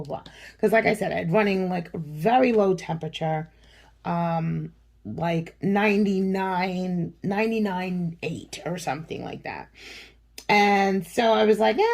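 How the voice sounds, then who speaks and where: A woman's voice: fairly low pitch, vocal fry. A woman in her forties telling a long personal story in a casual chat, rambling with many fillers and frequent laughs. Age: 40s. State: recovering from a cough and sore throat. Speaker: vlogger.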